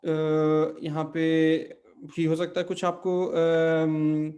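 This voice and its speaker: A man's voice: on the high side, completely flat delivery, dark tone. A man teaching a language class, explaining step by step and often checking in with his students. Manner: slow, explains step by step, many fillers and check questions. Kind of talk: online language lesson.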